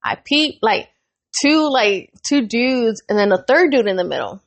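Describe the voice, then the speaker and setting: A young adult woman co-hosting a podcast, telling a story in casual chat, animated and profane and laughing often. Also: a little high, measured pace, gravelly. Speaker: podcast co-host.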